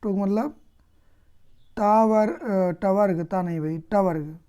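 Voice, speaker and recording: A woman teaching a grammar lesson who asks her own questions and then answers them, patient and unhurried. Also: medium pitch, warm tone.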